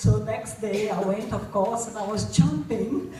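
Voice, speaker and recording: A woman's voice: mid-range voice, measured pace, mellow. A woman tells her story at a large event in a chatty, earnest way, often laughing. She sounds distant from the mic in a very echoey hall. Faint noise runs underneath. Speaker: event speaker. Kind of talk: testimonial speech at an event.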